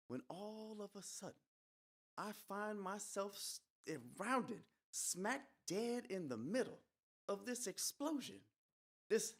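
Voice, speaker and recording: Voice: medium pitch, husky, exaggerated voice. A performer playing a young male soldier who has come back from death, telling his tale in a folksy rural dialect as a dramatic monologue. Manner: folksy storytelling with rural dialect, whispered hisses. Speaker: stage performer. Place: live event at an art museum.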